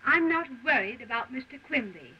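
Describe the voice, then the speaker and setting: A woman's voice: high-pitched, lively intonation, a little fast, slightly rough, heavily acted. An actress playing a prim, unruffled married lady in stagey early talkie style, terse and formal, on an old film soundtrack. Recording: dull, noisy old 1920s film soundtrack.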